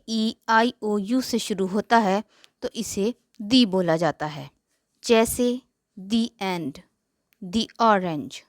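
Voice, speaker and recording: Female teacher, measured lesson delivery, unhurried, dry close recording. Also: medium pitch, dry recording. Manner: slow, careful explaining. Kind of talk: explanatory lesson.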